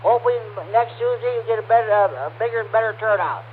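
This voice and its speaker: A man running a ham radio net, talking haltingly with lots of fillers and restarts, heard over a slightly mistuned ham radio transmission. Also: high voice. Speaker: net control operator. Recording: tinny radio line with faint hiss.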